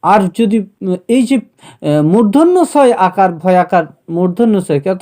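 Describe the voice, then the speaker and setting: A man giving an exam-prep lecture, explaining slowly with many fillers and pauses. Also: high-pitched, dark tone. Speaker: teacher.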